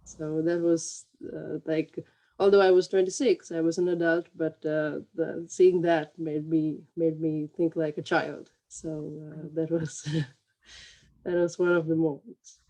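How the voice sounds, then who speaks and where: A woman from Sri Lanka sharing a personal story in a hesitant, amused way, with many pauses. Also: low voice, flat delivery, mellow. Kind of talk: casual personal anecdote.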